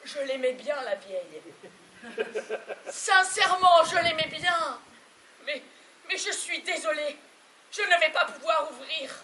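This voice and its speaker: A woman on a theatre stage playing a bossy, exasperated mother of the bride who shouts and interrogates. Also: high voice, expressive, a little slow, long pauses, exaggerated voice. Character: bossy, frantic middle-aged mother of the bride. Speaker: stage actor. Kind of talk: live stage comedy acting. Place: farm theatre stage, live audience. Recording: echoey room, far off, faint hiss.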